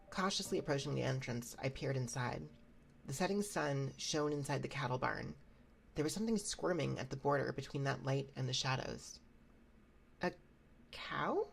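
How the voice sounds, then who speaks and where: Brief: soft-spoken woman storyteller, low and gravelly, instrumental music underneath. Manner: gentle, hushed first-person reading. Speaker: storytime streamer.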